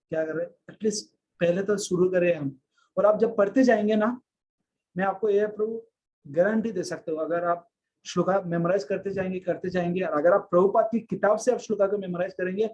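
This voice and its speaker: A man giving a devotional lesson over a video call, explaining patiently and chanting Sanskrit verses slowly in a sing-song tune. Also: high voice, darkish tone, slight background noise, rough recording. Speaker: presenter teaching shloka memorisation. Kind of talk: devotional teaching talk.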